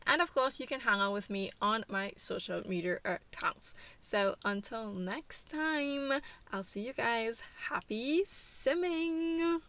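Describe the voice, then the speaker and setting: A woman's voice: mid-range voice, normal speed, creaky, few pauses, sharp tone. A woman YouTuber casually narrating a life-sim game story, chatty, with lots of fillers and easy laughs.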